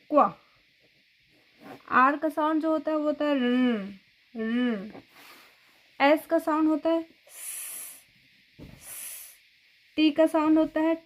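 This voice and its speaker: A woman teaching parents letter sounds in a patient, repetitive way, often pausing to check that they follow. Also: high-pitched, lo-fi sound. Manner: patient, repeats each letter sound, frequent check-ins. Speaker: phonics teacher. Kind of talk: explanatory lesson for parents.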